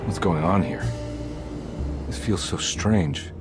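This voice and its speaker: An actor playing a weary, dogged private detective in a video game, edgy and sardonic, with music behind him. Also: male voice, low-pitched, takes it slowly. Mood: uneasy. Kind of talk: video game cutscene acting. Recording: background music under the voice.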